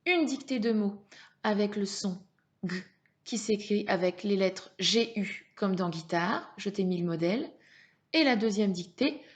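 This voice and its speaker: A woman teacher leading a reading lesson for young children, slow and patient, sounding out syllables. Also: medium pitch. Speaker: primary school teacher.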